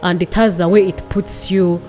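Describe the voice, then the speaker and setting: A woman's voice: lowish voice, fairly even intonation, normal speed, mellow, faint music behind. A woman in her twenties, a podcast guest, telling her personal story earnestly and repeating phrases for emphasis. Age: 20s.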